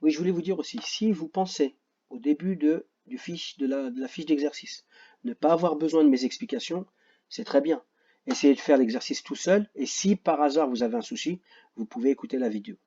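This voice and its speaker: A man with a French accent teaching a phonics lesson to children, slow and patient, repeating each word carefully and joking about his own memory. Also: a little high, expressive, dark tone, husky, dull audio.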